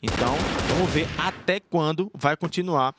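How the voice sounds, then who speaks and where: A man's voice: a little high, normal speed, heavy background noise. A Brazilian man giving casual esports analysis as co-commentator, conversational and full of tag questions.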